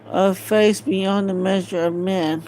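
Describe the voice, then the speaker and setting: An amateur audiobook reader, a woman, reads a fantasy novel in a medium-pitched, steady, slightly mellow voice at a slow pace. She is hesitant and often stumbles over words. It's a rough home recording with faint background noise.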